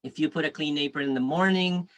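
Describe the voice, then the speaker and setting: A man with a slightly high, somewhat bright voice and a Spanish accent speaks quickly while teaching an online food safety workshop. He's friendly, reads the chat aloud, and uses frequent fillers.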